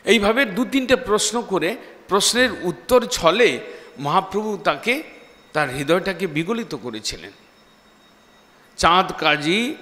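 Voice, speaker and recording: A man delivers a devotional sermon as a monk, his fairly high voice swinging between loud, dramatic peaks and hushed drops. He chants verses between passages of storytelling. His voice rings with a long reverb in a hall. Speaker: monk preacher.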